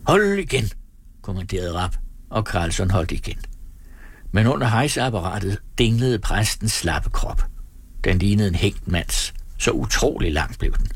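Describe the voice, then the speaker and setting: Low husky male audiobook narrator. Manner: steady storytelling read. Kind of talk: scripted narration.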